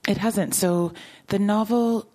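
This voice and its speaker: Over a rough recording, the woman novelist speaks slowly in a steady, mellow, medium-pitched voice. She discusses her writing conversationally at a book talk and answers audience questions with plenty of laughter.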